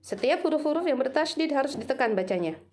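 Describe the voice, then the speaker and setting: Woman teaching slow careful recitation. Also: sits high, lively intonation, a little mellow. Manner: patient, slow demonstration of sounds. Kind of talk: recorded lesson for students.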